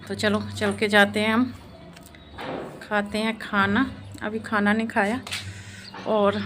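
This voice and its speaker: A woman's voice: medium pitch, level tone, slow, fairly bright tone, soft background music. A woman chatting casually to her viewers in a homely vlog, talking directly to the audience. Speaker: vlogger.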